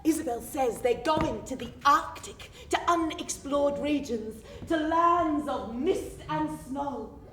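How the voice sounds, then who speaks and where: A woman playing a romantic, dramatic, self-mocking teenage girl named Mary in a one-woman stage monologue, theatrical and swinging between giddy and hushed. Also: high-pitched, slow, hardly any pauses, far from the mic, slight background noise. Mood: wondering. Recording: roomy stage sound from afar, music.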